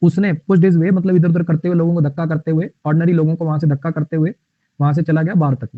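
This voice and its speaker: A man with a fairly high voice teaches English vocabulary in a live online class, using playful memory tricks to explain words and reading example sentences slowly. His pitch moves little. The audio is tinny and phone-like, with no room echo.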